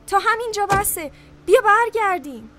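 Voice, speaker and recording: An actress playing a frightened, remorseful young accomplice in an audio drama, protesting and pleading in anguish. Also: female voice, very high voice, animated, a bit bright. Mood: alarmed.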